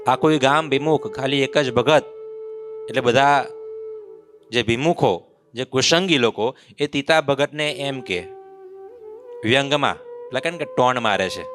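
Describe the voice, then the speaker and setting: A man's voice: medium pitch, fairly bright tone. Guy giving a story sermon, acts out the villagers, instrument music playing behind him. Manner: storytelling, acts out the mocking villagers, chants verses slowly. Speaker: preacher telling a devotional story. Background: musical instrument accompaniment.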